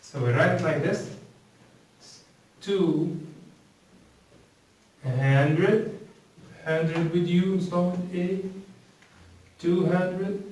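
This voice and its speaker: Slow, roomy-sounding Moroccan man teaching English. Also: sits high, fairly even intonation, a little mellow. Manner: repeats words slowly for pronunciation drills. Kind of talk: slow, deliberate language lesson. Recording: roomy, from a distance.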